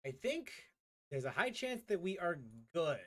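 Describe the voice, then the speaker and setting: A game livestreamer chats casually in a hesitant, apologetic manner, frequently repeating his phrases. His voice sits high and sing-song at a moderate pace, with video game music playing behind him.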